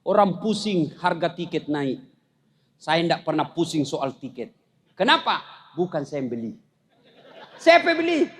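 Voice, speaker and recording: A man's voice: a little high, unhurried, long pauses. A middle-aged man, giving a humorous sermon full of stories and jokes and talking straight to the crowd. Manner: storytelling with jokes, lively asides to audience. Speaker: preacher.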